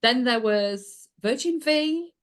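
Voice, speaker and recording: A high-pitched, lively yet slow-speaking woman in her forties from Yorkshire, England, guests on a podcast. The business coach tells her story in a casual interview, chatty and warm, putting herself down with humor and laughing along.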